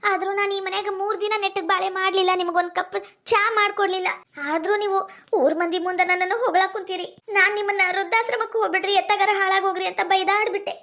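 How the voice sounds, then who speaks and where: Brief: woman playing a remorseful young village bride, very high-pitched, North Karnataka accent, pleading. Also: a bit bright. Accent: North Karnataka Kannada. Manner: pleading, apologetic. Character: young repentant village daughter-in-law. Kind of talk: village comedy skit.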